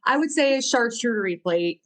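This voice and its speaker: A woman's voice: fairly high pitch, expressive, brisk, low-quality recording. Upbeat woman guest on a panel. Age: 30s. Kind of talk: casual panel chat.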